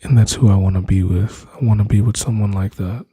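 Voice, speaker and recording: Man, dark husky voice, intimate soothing whisper-talk, dry close mic. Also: on the low side, fairly even intonation, brisk, no room sound. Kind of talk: soft-spoken ASMR comfort roleplay.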